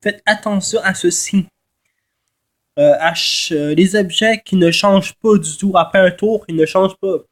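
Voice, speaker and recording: A high-pitched man with a Québécois accent talks through a casual game tutorial at a slow pace. His nose is stuffed with a cold, so he sounds nasal. He speaks haltingly, often doubling back to correct his words. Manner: halting, repeats and corrects himself. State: congested with a head cold. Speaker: gaming video host.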